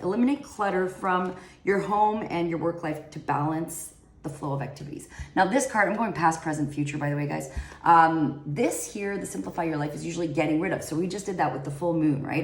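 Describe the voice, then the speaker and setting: Deep-ish lady rambling thru a tarot reading to her viewers, lots of uhs, echoey room. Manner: rambling, filler-heavy, talks straight to viewers. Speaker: tarot reader.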